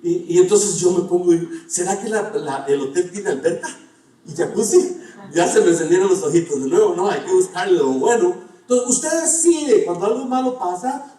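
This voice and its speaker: A man's voice: high-pitched, lively intonation, normal speed, warm tone. A middle-aged man preaching a sermon, earnest, telling stories and asking the congregation questions. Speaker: pastor. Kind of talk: sermon with personal storytelling. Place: church sanctuary. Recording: echoey church hall from far off.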